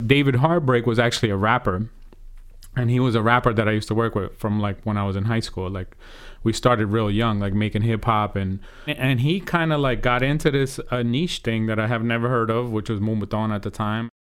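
A man's voice: on the low side, fairly even intonation, a little fast, smooth. A man who grew up in New Jersey, a DJ and producer, talking in a casual, slangy interview. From New Jersey, USA. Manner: laid-back, slangy storytelling. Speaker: DJ and music producer being interviewed.

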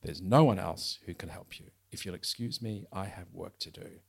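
A man's voice: deep voice, moderate pace, creaky, breathy edge, full character voice. A man voicing a curt, guarded middle-aged housekeeper woman who speaks coolly and firmly. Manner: cool, firm, unwelcoming.

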